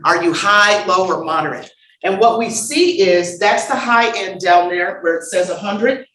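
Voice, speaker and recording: A woman giving a conference lecture, lively and humorous, bantering with the audience and calling for the next slide. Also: mid-range voice, measured pace. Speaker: conference speaker. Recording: roomy hall sound.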